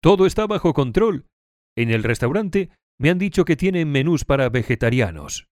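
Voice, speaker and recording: Guy reading a learner dialogue, slightly high voice, huge pitch swings, super dry close mic. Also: big pitch swings, normal speed, darkish tone, dry recording. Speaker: dialogue reader. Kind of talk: scripted language-learning dialogue.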